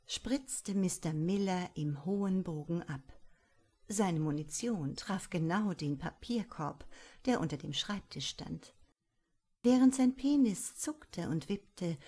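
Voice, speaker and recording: A woman reading a story aloud as scripted audiobook narration, soft and measured. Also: lowish voice, husky. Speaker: audiobook reader.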